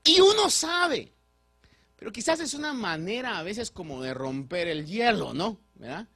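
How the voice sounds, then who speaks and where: A man preaching a sermon as pastor, swinging between loud and soft and putting rhetorical questions to the congregation. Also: sits high, big pitch swings, measured pace, slightly rough.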